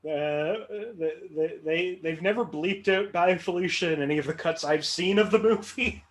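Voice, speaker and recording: A man's voice: on the high side, moderate pace. A man hosting a movie trivia game show, reading clues with dry, mock-serious humor.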